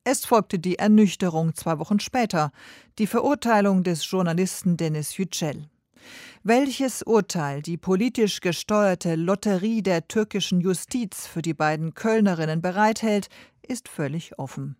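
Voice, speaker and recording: Lower-pitched female news presenter, composed, dry studio. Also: measured pace, a little mellow, no echo. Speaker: radio presenter.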